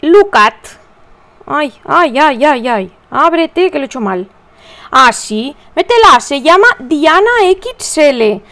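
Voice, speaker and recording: Chatty high-voiced woman, crochet tutorial host, mutters stitch counts between stories. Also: very animated, slow, a bit bright. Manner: chatty, counts stitches under her breath, addresses viewers as "reinas".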